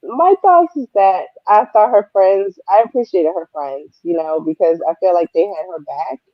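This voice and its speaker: A woman's voice: fairly low pitch, expressive, normal speed, no echo. A woman giving her opinions in casual chat over a headset mic, her voice muffled as if heard through a wall. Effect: muffled, dull sound as if through a wall. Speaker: panelist on a TV recap show.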